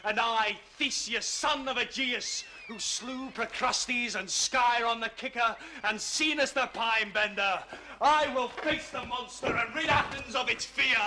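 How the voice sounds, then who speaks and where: An actor playing a proud, earnest young warrior prince in a myth drama, with declamatory delivery. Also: male voice, extremely high pitch.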